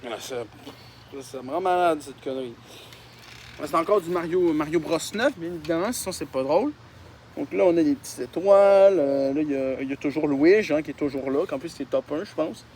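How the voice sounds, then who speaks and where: A man's voice: on the high side, brisk, darkish tone, slight background noise. A young man with a Québécois accent, making mocking, self-deprecating commentary on his old drawings and swearing often. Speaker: YouTuber. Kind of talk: casual commentary on childhood drawings.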